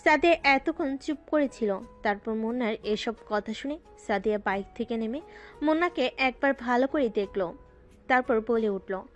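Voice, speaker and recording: Woman telling a love story, kinda high voice, easy steady pace, faint music underneath. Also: normal speed, highs cut off. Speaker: narrator. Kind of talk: scripted storytelling narration. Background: faint background music.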